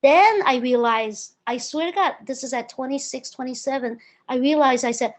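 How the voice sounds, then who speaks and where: A woman in her fifties, born in Hong Kong and raised in the United States, eagerly tells her story in a conversational interview. A real estate broker appearing as a guest, she speaks at normal speed in a high voice.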